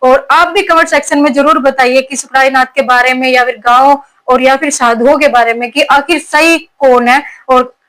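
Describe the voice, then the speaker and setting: Woman news interviewer, high voice, direct and probing. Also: steady tone, normal speed, few pauses, fairly bright tone, low-quality recording. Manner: probing questions, direct sign-off to viewers.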